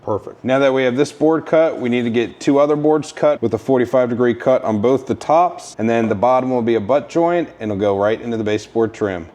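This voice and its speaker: A man walks through a home woodworking project in relaxed, easygoing tutorial talk, his voice sitting at an average pitch. He sounds upbeat and practical as he explains each step. A faint hiss of noise runs under the recording. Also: a little fast, few pauses. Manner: upbeat, instructive, casual. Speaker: DIY channel host. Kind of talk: step-by-step DIY tutorial narration.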